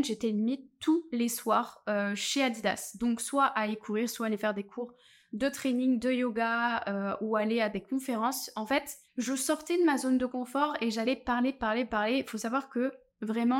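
Young woman vlogger, relaxed advice talk, restarts a lot, slightly high voice. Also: normal speed. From France. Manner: chatty, many fillers and restarts. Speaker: travel vlogger.

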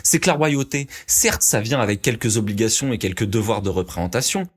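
A man's voice: fairly low pitch, a little fast, breathy edge. A man hosting a comedic podcast, explaining things in an emphatic, mock-lecturing way. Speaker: podcast host.

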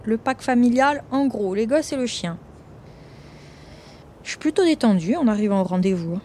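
Young woman narrator, chatty and direct, fairly high voice, faint hiss behind. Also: lively intonation, normal speed, warm tone. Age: young adult. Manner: conversational, frequent "hein", addresses listeners directly. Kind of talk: personal storytelling.

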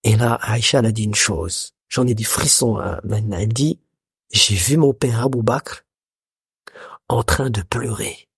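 A man teaching a religious lecture, telling stories with animated, dramatic delivery. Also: measured pace, gravelly, husky, no room sound, studio quality. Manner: animated storytelling, dramatic pitch swings. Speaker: Islamic teacher.

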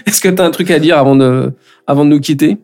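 Friendly, slightly hesitant host with a raised voice. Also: male voice, fairly high pitch, fast, a little mellow, faint music behind. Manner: friendly, hesitant, stumbles over English words. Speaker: podcast host. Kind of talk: casual podcast interview.

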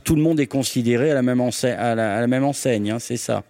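A man's voice: medium pitch, fairly quick, darkish tone, dry recording. Male radio host, mid voice, jokey and theatrical, dry close sound. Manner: playful, theatrical questions. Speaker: radio interviewer. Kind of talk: radio interview. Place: restaurant.

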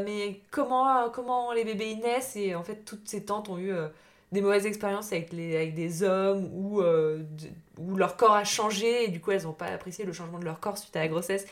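A woman's voice: medium pitch, fairly quick. A young woman chatting casually as a podcast co-host, laughing easily and using many fillers. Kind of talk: casual chat.

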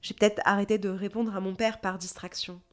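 A woman from Lebanon with a Parisian French accent reads a literary first-person narration in a measured, introspective manner. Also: medium pitch, little pitch movement, fairly bright tone, soft background music. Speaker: narrator telling her own story.

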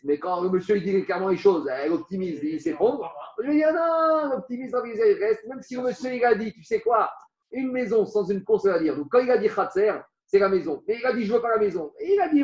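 A man's voice: high voice, animated, a little fast, darkish tone. A man teaching a Talmud class to students, explaining with rhetorical questions and Aramaic terms mixed into his talk. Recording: roomy, dull lo-fi class recording.

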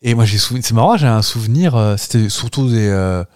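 Man, playful podcast co-host, lively swinging pitch, dry close sound. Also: fairly quick, no room sound. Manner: playful, jokey, lively, blurts out guesses. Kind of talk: casual chat, guessing game.

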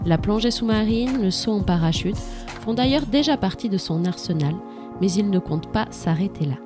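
A woman presents a travel podcast, reading a scripted introduction in a clear, measured voice. Her pitch sits in the ordinary middle range for a woman. Music plays clearly underneath her. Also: animated. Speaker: podcast host.

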